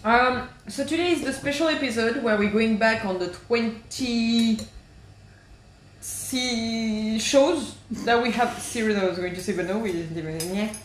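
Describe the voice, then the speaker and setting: A woman co-hosting a casual podcast chat from her kitchen, talking in quick restarts and laughing as she goes. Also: on the high side, a little hiss or hum. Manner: chatty, restarts often, laughs while talking. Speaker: podcast co-host. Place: home kitchen. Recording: echoey kitchen.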